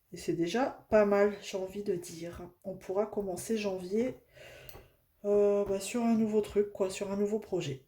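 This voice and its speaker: With a mellow, mid-range voice, this craft vlogger from northern France talks informally at home as she crafts. Her Northern French accent comes through amid many fillers and restarts.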